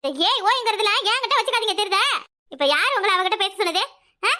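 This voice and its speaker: A woman with a southern Tamil village dialect voicing a jealous, sharp-tongued older wife who scolds sarcastically in a cartoon. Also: very high-pitched, fast. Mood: scolding. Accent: southern Tamil Nadu village dialect. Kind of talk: cartoon voice acting.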